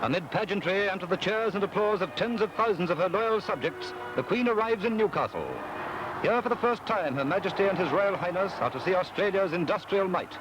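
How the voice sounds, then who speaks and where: A man's voice: high voice, brisk, poor audio. A man narrating an old newsreel in a stately, formal announcer's delivery. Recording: old newsreel soundtrack with loud music.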